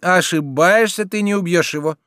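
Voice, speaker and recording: A man reading an audiobook who voices a sly, smooth-talking bandit with a mocking, persuasive manner. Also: high-pitched, normal speed, fairly bright tone, dry recording, studio quality, voice pushed up. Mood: scolding.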